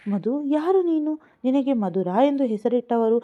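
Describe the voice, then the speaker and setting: A gentle young husband, soothing and affectionate, as a woman narrator acts him out. The audio is narrow and tinny, like a phone call. The voice is her own and barely changed for the part. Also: high-pitched, animated, a little slow, voice pushed up. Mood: tender. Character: tender, reassuring young husband.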